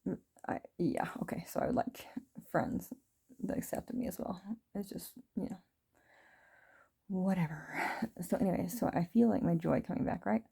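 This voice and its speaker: A woman in her thirties talking through her feelings in a rambling, reflective video diary, full of fillers and soft laughs. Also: on the low side, normal speed, vocal fry, pauses often, slightly rough. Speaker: vlogger. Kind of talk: reflective personal diary talk.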